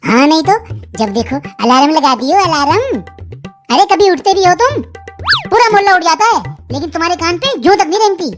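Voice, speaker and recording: A performer voicing a sharp-tongued, nagging cartoon wife who scolds her husband with sarcastic comebacks and a taunting catchphrase, in comic cartoon dialogue. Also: very high voice, animated, fairly quick, over music. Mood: scolding.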